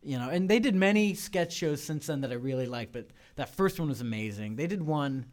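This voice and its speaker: A man's voice: on the high side, lively intonation, fairly quick. A man being interviewed about his improv and sketch work, talking loosely with many fillers and restarts. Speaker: improv and sketch performer, guest. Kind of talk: casual interview chat. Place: studio. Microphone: studio microphone.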